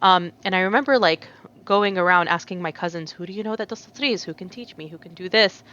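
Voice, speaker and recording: On a lo-fi recording, a young Arabic-speaking tatreez artist from the US talks a little fast in a fairly low, fairly bright voice. She's a guest in a casual podcast interview, laughing frequently and telling stories packed with fillers and restarts.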